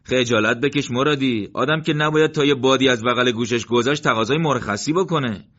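A man's voice: medium pitch, a bit bright, voice pushed up, natural voice. A man voicing a prank-loving male soldier who teases and orders his comrades about, on a dull lo-fi recording. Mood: teasing. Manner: teasing, bossy.

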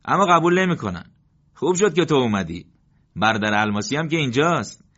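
Whiny soldier begging for leave, put on by a man, raised pitch, bright tense voice, lo-fi. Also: very animated. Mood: whiny pleading. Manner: pleading, complaining. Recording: dull lo-fi recording.

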